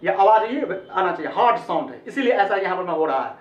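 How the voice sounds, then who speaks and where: In an English pronunciation lesson, a man repeats each sound several times and addresses viewers as his friends. His voice sits high and is expressive and fast. The recording is lo-fi, dull and echoey, and he sounds distant.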